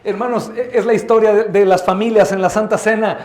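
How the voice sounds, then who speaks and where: A man's voice: high voice, steady tone, fairly quick, a little mellow, roomy sound. A male pastor preaching a sermon with fervor, often acting out other people's voices in the scenes he tells. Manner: fervent preaching, acts out voices in quoted scenes. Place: church sanctuary.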